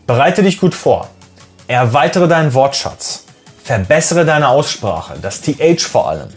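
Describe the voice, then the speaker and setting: A man's voice: mid-range voice, lively intonation, measured pace, soft background music. A man who teaches English, giving direct, encouraging tips for an oral exam in a lesson video.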